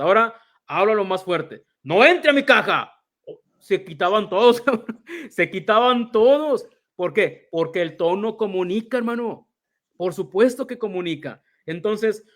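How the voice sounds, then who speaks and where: A man's voice: high voice, animated, normal speed. A man giving a conversational Bible teaching, calling his listeners brother and acting out everyday examples.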